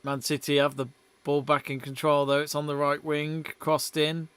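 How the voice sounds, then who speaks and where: A young man hosts a live football watch-along, mixing casual chat with play-by-play and reading out viewer messages. His voice sits a touch higher than most men's, smooth and clear, and the sound is close and dry. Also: completely flat delivery, moderate pace, a bit bright, dry recording. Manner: chatty, reads out viewer messages between play-by-play.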